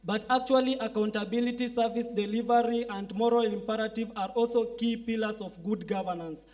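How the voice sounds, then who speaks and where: A young man from Kenya speaks on a student panel, feeling his way through ideas with restarts. His voice is quite high for a man and sounds distant from the mic. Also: steady tone, fairly quick, darkish tone. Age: young adult. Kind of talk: panel discussion. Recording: voice picked up from a distance.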